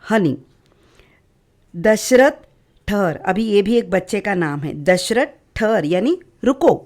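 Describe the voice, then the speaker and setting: A woman teaching young children a lesson, drilling sounds one by one in a slow, patient way and mixing in English words. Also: medium pitch, animated, a little mellow.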